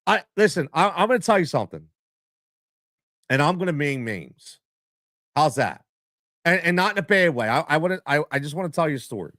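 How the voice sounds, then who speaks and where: A middle-aged man with a Philadelphia accent hosting a live stream, talking in an animated, repetitive way full of stammered restarts. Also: on the high side, fairly quick, pauses often, no room sound, studio quality. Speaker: show host.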